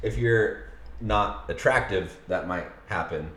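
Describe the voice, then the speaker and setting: Casual co-host, male, low and blunt, roomy sound. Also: takes it slowly, a bit bright. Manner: blunt, teasing, emphatic. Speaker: podcast co-host. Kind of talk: casual couple chat. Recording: echoey room.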